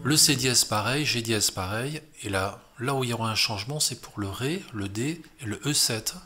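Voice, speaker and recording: French guy teaching guitar, counts the beats out loud, soft guitar in the back. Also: mid-range voice, normal speed. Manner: patient, step-by-step, counting beats aloud. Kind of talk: guitar lesson explanation.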